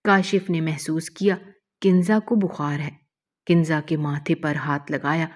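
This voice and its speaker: Brief: woman storyteller, low pitch, measured and moral-minded. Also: fairly even intonation. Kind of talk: emotional story narration.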